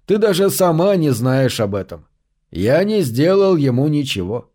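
Brief: male reader voicing a calm, cruel man, smug and sneering; warm low tone. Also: moderate pace. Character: cold mocking man, calm and vengeful. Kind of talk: audiobook character voice.

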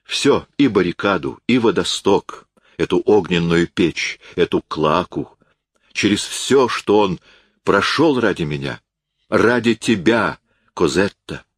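A man's voice: sits low, animated, slow pace, husky, no room sound, studio quality, exaggerated voice. A man reading an audiobook, voicing an impassioned, insistent young man who speaks in emphatic exclamations. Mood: passionate.

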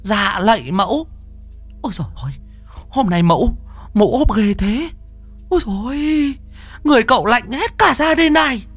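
A man's voice: very high voice, animated, normal speed, long pauses, a bit bright, dry recording, soft background music, pitched above the performer's own voice, heavily acted. A man voicing a frantic male disciple at a spirit-medium shrine, wailing and pleading.

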